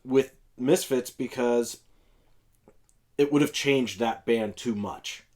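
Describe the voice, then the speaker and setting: A man's voice: medium pitch, slow, a little mellow. Thoughtful, hesitant male music fan. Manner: thoughtful, hesitant, with ums and restarts. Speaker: guest, longtime fan. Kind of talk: casual chat about records.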